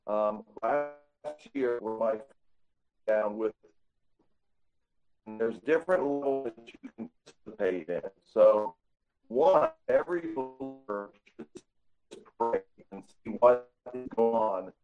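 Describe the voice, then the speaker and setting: A man calling into a live show over a breaking-up online connection, making his points in a halting list. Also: on the low side. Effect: breaking-up online call connection. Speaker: caller. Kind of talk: call-in comment on a live show. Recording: choppy lo-fi call line, faint music.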